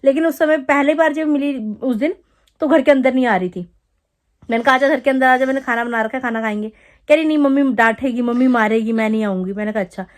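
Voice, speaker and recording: A young woman vlogger casually telling a story to the camera, chatty and animated, acting out the quotes as she goes. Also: sits high, quick pace. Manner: chatty, animated retelling with acted-out quotes and laughter. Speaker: family vlogger.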